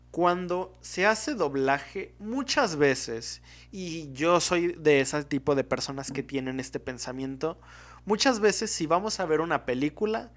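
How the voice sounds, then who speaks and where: A man's voice: a little high, a bit bright. A man with a Mexican Spanish accent hosting a casual solo podcast, rambling and often stopping to correct himself. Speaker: podcast host.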